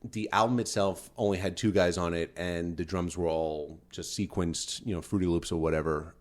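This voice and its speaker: A man in his thirties with a very low, deep voice co-hosts a casual podcast chat. He tells his stories eagerly and at length. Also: steady tone, moderate pace. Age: 30s. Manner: enthusiastic storyteller. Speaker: podcast co-host.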